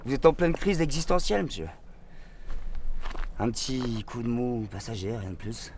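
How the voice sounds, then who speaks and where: An actor playing a loyal, exasperated squire in a theatrical, declamatory, hammy stage manner. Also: male voice, mid-range voice, normal speed, darkish tone, slight background noise, lightly acted. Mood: soothing. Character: loyal, exasperated squire Sancho, pleading with his master. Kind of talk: theatrical stage dialogue in French.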